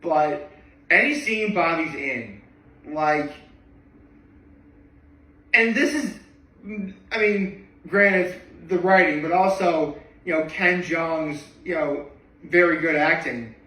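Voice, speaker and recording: A man's voice: fairly high pitch, slow pace, long pauses, sharp tone. A man chatting casually about a movie he loves, rambling with lots of fillers and rising enthusiasm. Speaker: vlogger. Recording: echoey room, voice from a distance.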